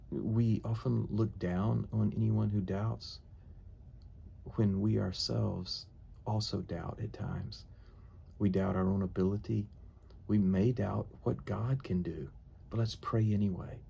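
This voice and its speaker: Gravelly low-voiced man teaching devotionally. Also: fairly even intonation, slow pace, long pauses, dark tone.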